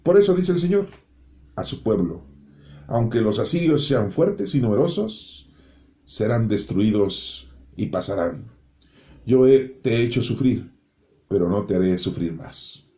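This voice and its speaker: Deep, dark-voiced man reading scripture. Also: animated. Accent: Spanish-speaking. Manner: dramatic rises and drops for emphasis, slowing on key phrases.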